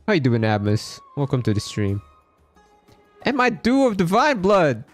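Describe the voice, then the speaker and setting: A man's voice: fairly high pitch, wildly swooping pitch, normal speed, soft background music. A man from the Philippines streaming a game, chatting casually and joking with viewers. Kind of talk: casual live commentary.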